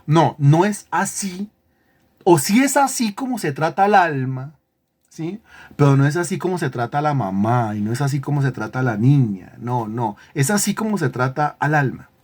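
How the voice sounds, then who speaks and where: A man preaching to a congregation in a somewhat high voice. He drives his points home by repeating phrases and putting questions to the listeners. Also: big pitch swings, moderate pace, a little mellow. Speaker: pastor. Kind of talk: sermon. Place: church congregation.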